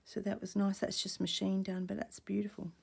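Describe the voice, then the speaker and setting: This vintage-finds vlogger talks softly and rambles through her show-and-tell, her slightly croaky voice often drifting into near-whispers. Her pitch is medium, her delivery flat and brisk. She's filmed in a small home room on a camera or tablet sitting on her desk.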